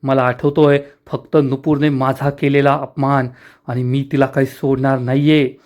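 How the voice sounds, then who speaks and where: A man voicing a scheming, vengeful woman company owner who speaks in a cold, low, menacing way. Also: level tone, moderate pace, a little mellow, lightly acted.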